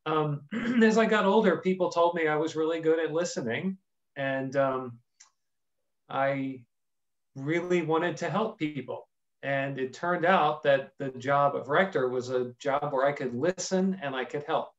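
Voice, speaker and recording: Speaking a little high and a little slow, a middle-aged priest gives plain explanations for children as an interview guest. The video-call audio sounds slightly dull.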